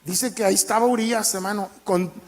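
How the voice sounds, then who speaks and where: Preacher guy, pretty high voice, tells the bible story all animated like he's doing the parts. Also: a little fast. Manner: animated storytelling, acting out the king's lines. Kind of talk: sermon.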